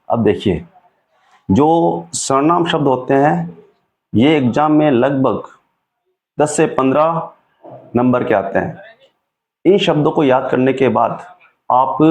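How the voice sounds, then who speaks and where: A man's voice: medium pitch, a little mellow, poor audio. A man teaching a Sanskrit lesson, explaining patiently and often checking with his viewers. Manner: patient, repeats and checks with "ठीक है?". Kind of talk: slow explanatory classroom lesson.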